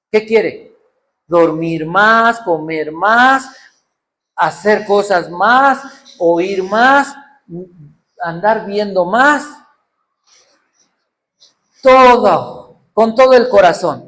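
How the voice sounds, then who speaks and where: A man with a Mexican accent preaching a sermon in an event hall, talking conversationally and asking rhetorical questions. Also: high-pitched.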